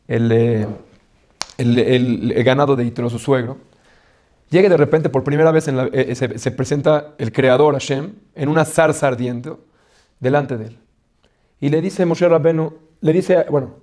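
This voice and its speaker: A rabbi giving a Torah lesson, asking rhetorical questions, restarting phrases and weaving in Hebrew terms. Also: male voice, fairly high pitch, mellow.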